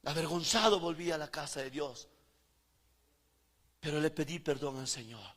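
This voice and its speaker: A man preaching a fervent sermon, swinging between loud calls and hushed words. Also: fairly high pitch, normal speed, long reverb tail. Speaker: pastor.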